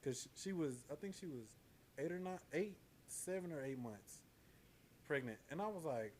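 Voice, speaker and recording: A man's voice: on the high side, normal speed. A man co-hosting a podcast, telling stories animatedly and acting out the people he quotes. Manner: animated, acts out quoted voices. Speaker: podcast co-host. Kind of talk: casual chat, storytelling. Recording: faint background noise.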